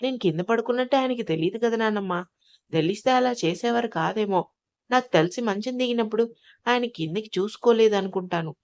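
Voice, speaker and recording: A woman voicing a gentle young woman who speaks up kindly to calm her elder. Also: fairly high pitch, fairly quick, lo-fi sound, natural voice.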